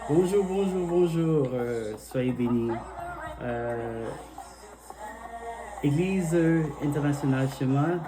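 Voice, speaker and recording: A young adult pastor preaches in a church in French, his second language, with an English-speaking accent. His medium-pitched voice is haltingly delivered with many fillers and repeated invocations during prayer and scripture reading, over background music on a rough recording.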